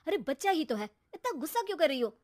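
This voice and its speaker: Woman voicing an irritable, wry husband, high-pitched. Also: very animated, quick pace, darkish tone. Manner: wry, complaining. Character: irritable, teasing husband and father working from home. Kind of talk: animated story dialogue.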